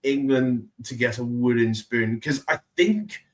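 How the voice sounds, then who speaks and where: A man in his twenties co-hosting a casual sports podcast, chatty with quick asides. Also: mid-range voice, expressive. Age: 20s. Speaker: podcast co-host.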